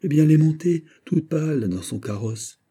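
An anxious, hurried secretary blurting out warnings, as a male reader pushes his voice up. The husky tone stays dark even as it climbs. An audiobook character reading. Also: on the high side, pitched above the performer's own voice. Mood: agitated. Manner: excited, urgent.

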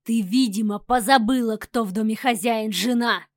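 A woman voicing a cruel, furious aristocratic husband who snarls threats loudly in an audiobook. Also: on the high side, steady tone, moderate pace, no echo, clean studio sound, lightly acted. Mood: threatening. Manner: snarling, menacing, loud.

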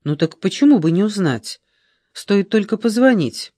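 A man reading an audiobook, voicing a young woman in her twenties who questions firmly and calmly. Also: high-pitched, normal speed, no room sound, studio quality, pitched above the performer's own voice. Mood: probing. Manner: firm, probing, calm.

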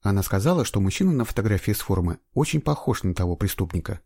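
Man, audiobook narrator, measured, dark mellow voice, dry close mic. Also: lowish voice, animated, breathy edge, dry recording. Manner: measured storytelling.

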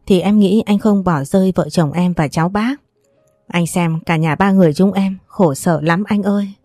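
A woman's voice: on the low side, mellow, no room sound, clean studio sound, lightly acted. A woman voicing a pushy, scheming middle-aged sister-in-law who wheedles and complains.

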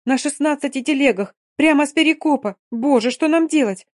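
A woman's voice: fairly low pitch, normal speed, a little mellow, no echo, studio quality, natural voice. A woman voicing an anxious young nurse who speaks breathlessly and pleads. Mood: panicked.

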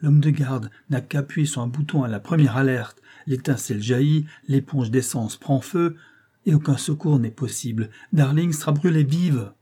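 Narrator as a loyal, eager informant in an old detective tale, briefing his boss, husky and dark. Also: mid-range voice, moderate pace, voice pushed up, close to an everyday voice. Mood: urgent. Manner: eager, confiding report to his chief. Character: loyal male police informant reporting.

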